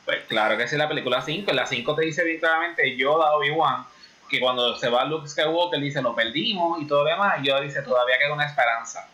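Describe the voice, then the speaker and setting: A man's voice: fairly high pitch, fast talker, pushed and bright. A man in casual debate, insistently arguing his point at length.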